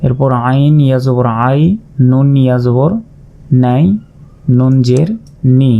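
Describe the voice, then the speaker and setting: Slow, flat-voiced male Quran reading teacher. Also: medium pitch. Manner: spells out letters and vowel marks, then draws out sounds. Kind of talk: slow step-by-step recitation lesson. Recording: slightly dull lo-fi sound.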